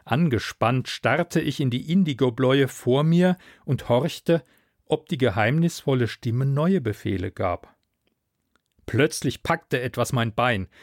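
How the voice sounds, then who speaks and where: A man narrating a story in the first person, in a measured, deliberate way. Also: medium pitch, lively intonation, no room sound, studio quality. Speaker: audiobook narrator.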